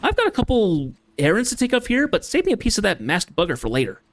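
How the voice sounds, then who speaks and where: A man's voice: wildly swooping pitch, fast, soft background music, exaggerated voice. A man voicing a brash, boastful male fighter eager for a brawl, in a rowdy, raised voice. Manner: rowdy, boastful, higher than his own voice.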